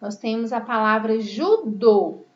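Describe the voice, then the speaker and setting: A high-voiced woman teaches a grammar lesson at an unhurried pace, leaning on each example word as she explains it. Her voice echoes in a roomy space, and the sound is a bit dull and muffled. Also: expressive. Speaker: Portuguese teacher.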